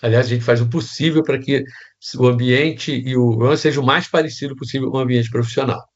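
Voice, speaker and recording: A man's voice: mid-range voice, fairly even intonation, brisk, lo-fi sound. A man with a Brazilian Portuguese accent teaching set design in a casual online class, rambling with restarts and many tag questions.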